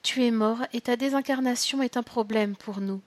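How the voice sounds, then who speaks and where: A woman's voice: on the high side, moderate pace, no room sound, close to an everyday voice. A woman voicing a serene young brother who has died, explaining things steadily and patiently in a storybook reading. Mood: calm.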